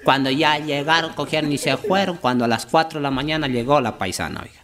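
A woman's voice: low-pitched, quick pace, fairly bright tone. A woman from Nariño, Colombia, with a Nariño Colombian accent, telling folksy jokes in a chatty way, with a constant "le dijo". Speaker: joke teller.

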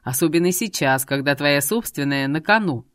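A woman's voice: sits low, animated, normal speed, no echo, clean studio sound. A woman voicing a stern middle-aged businessman who speaks in a cold, clipped, growling way. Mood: angry.

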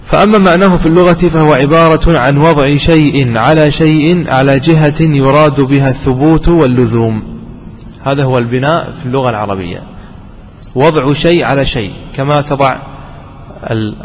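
A man's voice: medium pitch, slight background noise. Man teaching grammar in an echoey hall. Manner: asks students questions and answers them himself, repeats key definitions. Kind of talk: classroom lesson.

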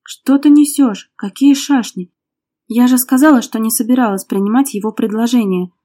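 A woman's voice: medium pitch, a little fast, lightly acted. A woman voicing a defiant, desperate young woman in a bitter quarrel in an audiobook. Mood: heated. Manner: sharp, defiant, pleading.

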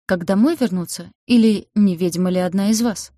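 A woman's voice: medium pitch, normal speed, dark tone, no echo, studio quality, lightly acted. A woman voicing a sick young man who talks weakly, with sneering, hissing mockery. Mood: mocking.

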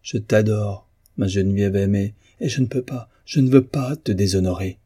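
A man's voice: on the low side, moderate pace, warm tone, husky. Man reading an anguished, proud husband. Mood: tender, pleading. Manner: impassioned, pleading then commanding. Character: proud honest bourgeois husband, anguished and loving. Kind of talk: audiobook reading of a novel.

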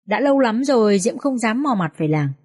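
A woman narrating a social drama story as an audiobook reader in a steady storytelling manner. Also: fairly high pitch, brisk, no room sound, clean studio sound.

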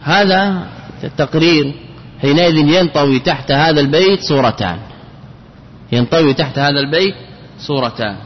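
A man's voice: fairly high pitch, moderate pace, long pauses, a little hiss or hum. A male teacher gives a classroom lecture on grammar. He keeps asking rhetorical questions and repeating key phrases as he explains. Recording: dull lo-fi recording with long hall reverb.

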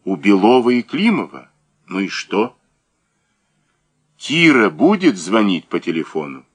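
A man's voice: on the low side, big pitch swings, measured pace, breathy edge, exaggerated voice. A man reading an audiobook, voicing a weary middle-aged male police lieutenant colonel who talks in a brooding, tense way. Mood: brisk.

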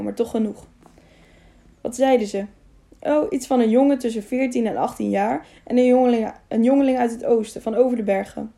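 A woman's voice: fairly high pitch, creaky, warm tone. Een vrouw die een slimme, praatgrage jongeman leest. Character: cheerful, clever, modest young male friend.

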